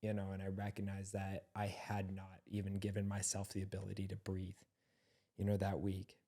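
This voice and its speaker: A man's voice: low-pitched, completely flat delivery, moderate pace, mellow. A young man co-hosting a podcast, speaking in an earnest, reflective way as he searches for his words in a candid conversation. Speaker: podcast co-host.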